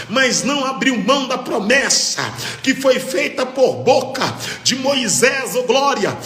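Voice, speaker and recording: A man preaching a fervent Pentecostal sermon as pastor, rising to shouts and breaking into tongues. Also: very high-pitched, echoey room, big-room sound.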